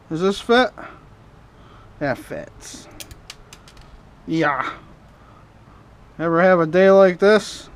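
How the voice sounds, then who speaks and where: A clear, resonant, high-pitched male voice belongs to a host of hobby repair and scrapping videos. He narrates a hands-on fix in a casual, rambling way, muttering folksy, informal comments to himself as he works.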